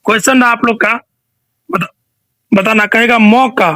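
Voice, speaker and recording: A man's voice: very high voice, fairly even intonation, a little slow, sharp tone, no room sound, low-quality recording. A male teacher running an online revision quiz, asking each question again and again and prompting students to answer.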